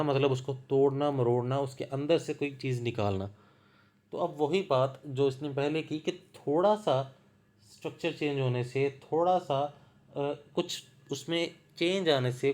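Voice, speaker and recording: A man with a Punjabi accent giving a slow, patient lecture, explaining ideas through worked examples. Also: fairly high pitch. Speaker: literature lecturer.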